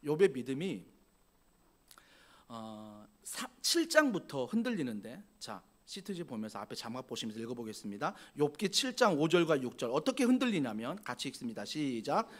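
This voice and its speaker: A male pastor preaching a sermon in a church sanctuary, animated, acting out quotes and asking the congregation questions. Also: mid-range voice, moderate pace.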